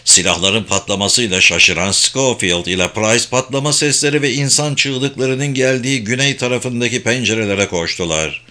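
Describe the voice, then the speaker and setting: A man narrating an audiobook in a steady, dramatic way. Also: mid-range voice, moderate pace, few pauses. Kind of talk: scripted narration.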